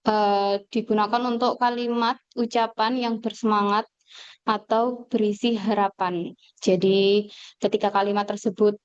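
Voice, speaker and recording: A woman teacher explaining a lesson slowly on a video call, with fillers and pauses. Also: medium pitch, flat delivery, smooth, no echo. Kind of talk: online class lecture. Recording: dull lo-fi video call audio.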